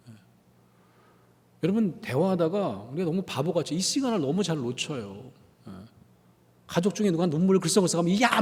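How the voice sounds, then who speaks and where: A man lecturing in a church on empathy, his slightly high voice swinging widely in pitch as he quizzes the crowd and acts out little scenes in different voices. The sound carries a long reverb from a large sanctuary. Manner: animated, acts out dialogues in changing voices, asks the audience questions. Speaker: guest lecturer at a church prayer meeting. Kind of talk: lively church lecture on empathy with acted examples.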